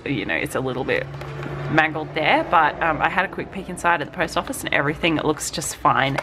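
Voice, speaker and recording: Slightly nasal with a cold, a woman coos over tiny items as she chats her way through unboxing a stationery subscription box. Her voice is deep, and there's background noise.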